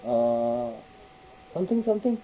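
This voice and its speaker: A man's voice: medium pitch, sing-song, unhurried, dull audio. A man in his twenties from India, a lodge owner, giving short plain answers in simple English. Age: 20s. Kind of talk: interview answers.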